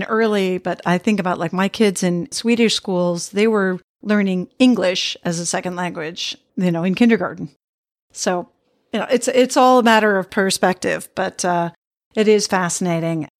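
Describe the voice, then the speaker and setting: Medium-pitched and moderately paced, this middle-aged podcast host keeps her interview chat casual. She's reflective and relaxed, and laughter comes easily to her.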